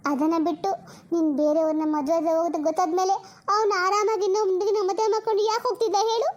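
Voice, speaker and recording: A woman's voice: very high voice, fairly even intonation, fast talker. A woman voicing a worried elder sister who works as a poor housemaid and lectures her younger sister with proverbs. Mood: distressed. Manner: lectures and scolds, uses proverbs.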